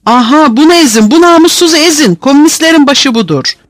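A panicked prisoner wails and urges the guards on in a shrill, high cry, as a man reading aloud puts him on. His voice leaps far above the narration and stays loud and strained. Dry, close recording. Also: expressive, fairly quick, no room sound. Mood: frantic. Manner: shrill, pleading cries. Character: wailing, frantic male religious prisoner.

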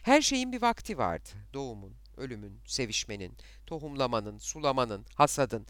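Expressive male storyteller, smooth voice. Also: mid-range voice, normal speed, dry recording. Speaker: narrator. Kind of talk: scripted narration of a novel.

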